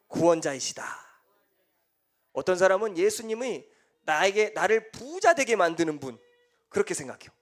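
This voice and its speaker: A young male preacher with a rather high voice delivers a sermon. He draws the congregation in with repeated questions, then gives the answers softly and with weight. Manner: asks the congregation questions and answers them himself; drops soft and low on key answers. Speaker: evangelist preaching.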